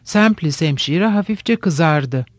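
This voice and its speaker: A man narrating a classic novel as an audiobook in a measured, even storytelling delivery. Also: fairly high pitch, no echo, studio quality.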